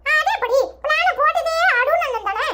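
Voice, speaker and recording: A woman's voice: very high-pitched, lively intonation, normal speed, pitched above the performer's own voice. A woman voicing a cheeky, teasing village grandson in a cartoon, with a Tirunelveli accent and a chuckling, bantering manner. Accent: Tirunelveli Tamil. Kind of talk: cartoon voice acting. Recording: loud background noise.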